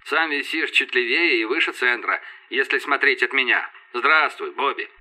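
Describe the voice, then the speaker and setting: A male narrator voicing a calm, teasing male fleet commander who speaks evenly. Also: medium pitch. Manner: calm, unhurried.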